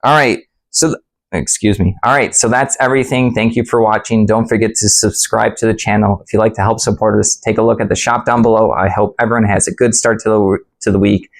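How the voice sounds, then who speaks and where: A man with a fairly low voice talks casually as an online reseller going through recent sales. His delivery is conversational and loosely rambling, with the everyday wording of an informal vlog. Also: fairly even intonation, a little fast, gravelly. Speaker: online reseller and channel host.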